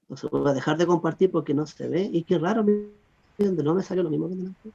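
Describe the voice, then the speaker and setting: A man teaching Greek grammar in an online class, explaining rules in an animated way and checking that students follow. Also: fairly high pitch, fast talker, vocal fry, slightly rough. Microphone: video call. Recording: dull lo-fi video call audio.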